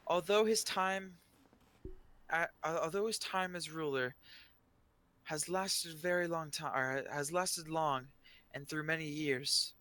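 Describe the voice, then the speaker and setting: A man's voice: on the high side, slow pace, bright, forceful tone, pitched above the performer's own voice. A man voicing a shy, nervous woman arcanist giving an earnest, formal announcement in a tabletop game.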